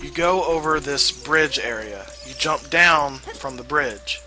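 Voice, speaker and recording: A man's voice: mid-range voice, takes it slowly, sharp tone, rough recording. A man from the Southern US giving casual walkthrough commentary on a video game, full of fillers and asides. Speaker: let's play host. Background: game music.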